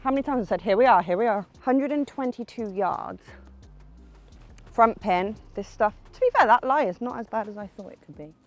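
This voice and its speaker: A slightly high, animated young woman speaks at a normal speed on a lo-fi recording with faint music behind her. The golf vlogger keeps up a casual, self-deprecating commentary on her round outdoors, talking herself through each shot.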